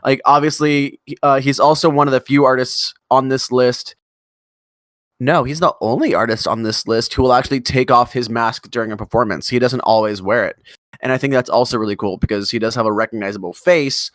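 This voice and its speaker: Casual co-host: guy, mid-pitched, chatty and excitable, close dry mic. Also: fairly quick, dry recording. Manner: enthusiastic, rambling, swears casually. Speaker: podcast co-host. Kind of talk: casual chat.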